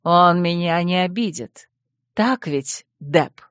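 A calm, self-assured young woman, as an audiobook reader voices her speaks with quiet confidence and a playful edge. The pitch sits mid-range, with a dry, close sound. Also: takes it slowly, clean tone, no room sound. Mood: confident. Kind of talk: audiobook character voice.

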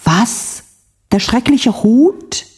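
A woman reading the part of a jealous wife, vain about her taste and quick to protest. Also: lowish voice, sing-song, warm tone, slightly rough, heavily acted. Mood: indignant. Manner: indignant, exclamatory.

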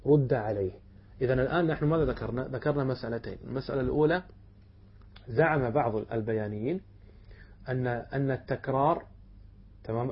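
A man teaching a classical Arabic rhetoric lesson, explaining a text step by step, checking that his students follow and reciting quoted verse slowly. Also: medium pitch, slightly rough. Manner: explains step by step, checks understanding with "تمام؟" and "نعم". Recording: dull lo-fi lesson recording.

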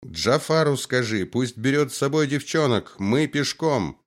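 Guy doing a tough colonel yelling orders, pitched way up, curt. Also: lively intonation, a little slow, lightly acted. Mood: commanding. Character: commanding male army colonel.

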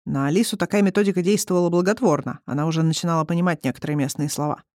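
An audiobook narrator reading a novel chapter in an even storytelling manner. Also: mid-range voice, very fast, no echo, clean studio sound. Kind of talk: scripted narration.

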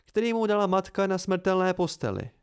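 A man putting on a brisk young woman healer. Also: high voice, sing-song, smooth, voice pushed up.

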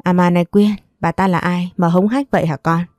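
A woman's voice: on the low side, steady tone, fairly quick, darkish tone, dry recording, studio quality, faint music behind, natural voice. A woman voicing a tough, cheerful aunt who talks boldly in a storybook reading. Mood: friendly. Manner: bold, challenging.

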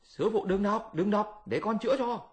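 A man voicing a boastful, mischievous male monkey king with a shrill, bossy, teasing manner in an audiobook. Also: moderate pace, close to an everyday voice. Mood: pleading. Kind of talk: audiobook character voice.

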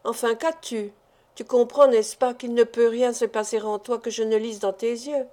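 A woman gives voice to a jealous, proud young man in an audiobook who is quick to flare up. He presses with impatient questions, in a warm, mellow tone. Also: fairly high pitch, steady tone, close to an everyday voice. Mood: pressing. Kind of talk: audiobook dialogue reading.

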